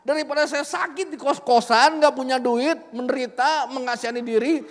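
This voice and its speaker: A man in his fifties preaches from the pulpit with a high voice, telling stories from his own life. He acts out the people in them, moving from near-shouts to quiet asides. His voice rings with the long reverb of a large church hall. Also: normal speed. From Indonesia. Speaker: pastor. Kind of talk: sermon with personal stories.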